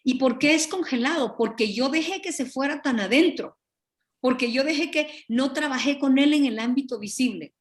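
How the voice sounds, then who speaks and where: A woman teaching a Bible study over a video call, earnest and animated, often correcting herself mid-sentence. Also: high-pitched, moderate pace. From Guatemala.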